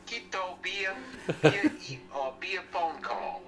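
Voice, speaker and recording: A man's voice: high-pitched, takes it slowly, music in the background. A man phoning in on speakerphone, talking casually in a blunt, profane way while he tells stories. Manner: blunt, profane, laid-back storytelling. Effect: heard over a phone on speakerphone. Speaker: friend called in by phone. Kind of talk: casual chat.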